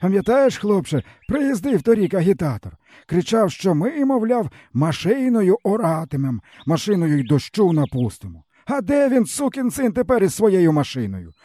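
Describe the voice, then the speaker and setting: A man's voice: sits high, big pitch swings, moderate pace, warm tone, no echo, pitched above the performer's own voice. A man reading the voice of a starving, weary peasant uncle who grumbles on in a mournful, folksy ramble. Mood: grumbling. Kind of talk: audiobook character reading.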